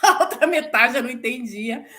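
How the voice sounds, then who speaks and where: A Brazilian woman in her forties, a former flight attendant, chatting in an interview and telling stories with lively acted-out quotes. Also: fairly high pitch, normal speed, crowd noise. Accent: Brazilian Portuguese. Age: 40s. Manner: lively storyteller who acts out quoted voices. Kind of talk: casual chat interview.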